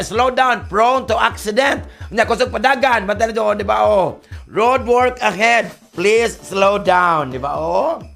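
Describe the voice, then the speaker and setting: A Filipino man hosting a radio show, joking and laughing as he reads listener shout-outs. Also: sits high, gravelly. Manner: jokey, laughing, mixes languages. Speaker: radio host. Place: radio studio.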